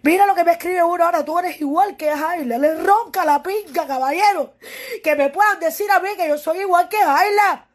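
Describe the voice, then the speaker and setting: In a very high, fairly quick voice, a young Cuban woman speaks straight to the camera, pleading with a critic of her music. She's weary and in tears, impassioned and profane, circling back over the same points again and again.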